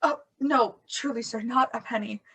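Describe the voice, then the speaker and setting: Woman as fussy old nurse, husky tone, higher voice, exclaiming, Shakespeare reading. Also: normal speed, fairly bright tone, exaggerated voice. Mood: eager. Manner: exclaiming, fussing. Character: fussy old female nurse, chatty servant.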